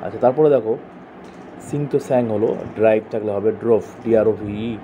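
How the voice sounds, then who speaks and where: A man's voice: lowish voice, a little fast. Male tutor, coaching lesson, asks and answers, spells letter by letter, phone-like sound, faint hiss. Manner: drills verbs by asking and answering.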